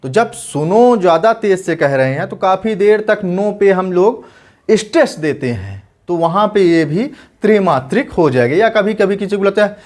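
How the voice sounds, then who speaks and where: A male teacher giving an exam-prep lesson, explaining patiently and repeating definitions slowly so students can write them down. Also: sits high, animated.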